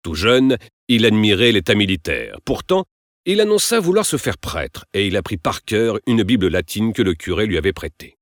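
A man reading a classic novel aloud, narrating with expressive, lively storytelling. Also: on the low side, normal speed, no room sound, clean studio sound.

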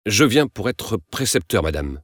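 A man's voice: fairly low pitch, very animated, moderate pace, no room sound, studio quality. A man reading aloud, voicing a proud and sullen eighteen-year-old who answers curtly and coldly. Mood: stiff. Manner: curt, cold, defiant.

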